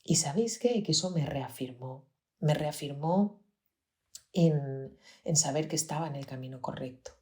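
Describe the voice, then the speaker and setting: On her personal storytelling podcast, a deep-voiced Spanish woman with a Peninsular accent, who is a pediatrician, tells a story at a moderate pace with few pauses. Her mellow voice is reflective and earnest, frequently dropping to a near-whisper.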